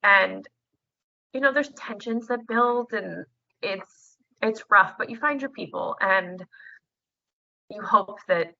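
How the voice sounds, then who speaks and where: A woman's voice: mid-range voice, takes it slowly, vocal fry, pauses often, sharp tone, dry recording, lo-fi sound. A young woman, a nursing student, chatting emotionally in an interview, with lots of fillers and laughter. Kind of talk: casual interview chat.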